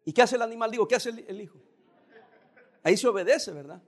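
High-voiced man preaching calmly. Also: fast. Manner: calm, conversational preaching with occasional emphatic rises. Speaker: pastor. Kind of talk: sermon.

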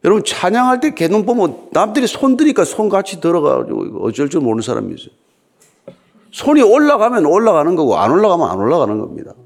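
An older male pastor preaches in a conversational style and keeps asking his listeners rhetorical questions. His voice sits a little high and moves through a lively, wide range. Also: creaky. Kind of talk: sermon.

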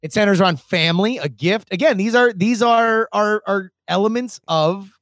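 High-voiced man laying out arguments. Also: moderate pace, a bit bright, no room sound, studio quality. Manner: earnest, explains his arguments point by point. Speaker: podcast co-host. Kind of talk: casual chat.

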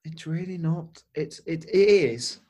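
A man's voice: on the high side, unhurried, a little mellow. Chatty man. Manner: chatty, self-deprecating, hedges with "I think". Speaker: podcast guest, football club insider. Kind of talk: casual chat.

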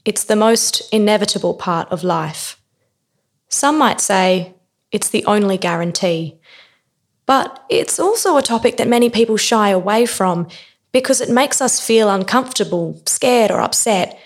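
Woman reading a scripted intro, calm and deliberate, middle pitch. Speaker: program narrator. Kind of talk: scripted narration.

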